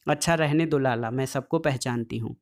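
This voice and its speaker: A man voicing a defiant, sharp-tongued village woman in the middle of a heated quarrel, reading her lines from a storybook. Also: mid-range voice, moderate pace, close to an everyday voice. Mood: angry defiance.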